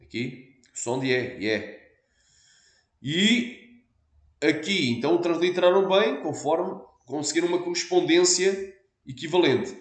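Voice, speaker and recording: A man's voice: fairly high pitch, expressive, measured pace, echoey room. A man with a European Portuguese accent, a pastor explaining a point patiently in a teaching sermon and asking his listeners for assent.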